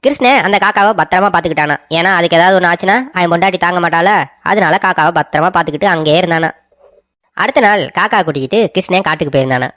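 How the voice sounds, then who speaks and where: A man's voice: sits high, very fast, sharp tone, no echo, clean studio sound. Man telling a comic cartoon story. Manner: casual, colloquial. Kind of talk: folksy comic narration.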